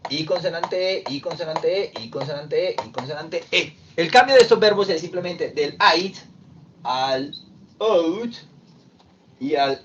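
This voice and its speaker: A man teaching an online English class, slowly explaining and repeating verb forms. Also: fairly high pitch. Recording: distant, dull lo-fi audio with faint noise.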